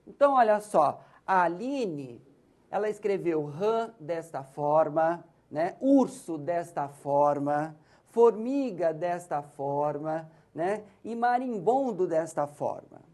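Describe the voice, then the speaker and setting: Slow, patient woman lecturer with a Brazilian accent. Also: fairly low pitch, expressive, darkish tone. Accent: Brazilian Portuguese. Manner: patient and explanatory, often pointing to examples and checking in with listeners. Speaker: university lecturer. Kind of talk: recorded lecture on literacy.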